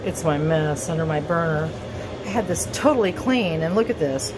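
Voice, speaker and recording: A home cook vlogger, drunk and giggly, speaks in a low-pitched, animated voice at a moderate pace while cooking in her kitchen. She rambles casually, makes self-deprecating jokes and swears offhandedly, with TV music and other background noise behind her.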